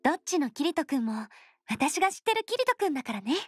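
A woman voicing an affectionate, gently bashful young girlfriend in soft, intimate pillow talk for a Japanese anime game. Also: high-pitched, very animated, quick pace.

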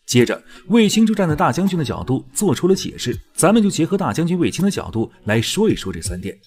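A man's voice: fairly high pitch, very animated, quick pace, a little mellow, breathy edge. A man narrating a drama recap as joking, colloquial, scripted storytelling commentary. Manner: wry, colloquial, playful.

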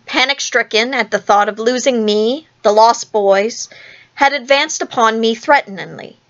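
A woman reading a children's storybook aloud in first person, with slow, expressive storytelling. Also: on the high side, lo-fi sound.

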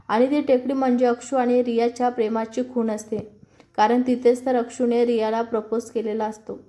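Woman storyteller, scripted narration, calm and steady, mellow tone, higher voice.

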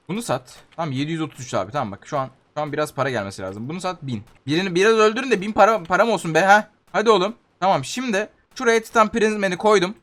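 A young man narrates his game run in a rapid stream of chatter. His voice sits high and he moves from exasperated complaints to cheerful asides aimed at his viewers. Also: fairly bright tone. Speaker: gaming YouTuber. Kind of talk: excited gameplay commentary.

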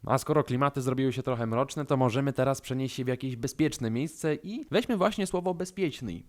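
A man with a Polish accent teaching a language lesson, calm and methodical, slowing down to stress key words. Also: mid-range voice.

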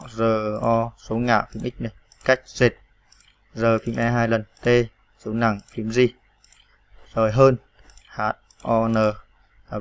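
Male tutor, monotone, slow step-by-step keyboard walkthrough with frequent fillers. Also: medium pitch, vocal fry. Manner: patient, spells out letters one by one with many fillers. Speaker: computer typing tutor. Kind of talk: screen-recorded tutorial narration.

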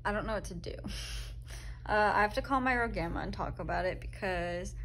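Talking to her phone at arm's length in a cramped dorm room, a late-teen college freshman vlogs in breezy sorority-girl slang, leaning heavily on "like." She has a medium-pitched, slightly bright voice and talks fairly fast. The handheld audio carries a lot of noise.

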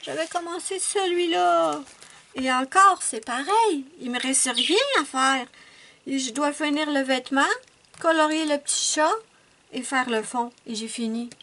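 High-voiced woman chatting casually. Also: measured pace, pushed and bright. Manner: rambling, self-correcting, thinks aloud. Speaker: coloring vlogger. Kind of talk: casual show-and-tell chat.

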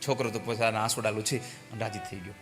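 A male preacher telling a devotional story in animated, exhorting sermon style. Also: fairly low pitch, quick pace. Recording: hall reverb with faint music.

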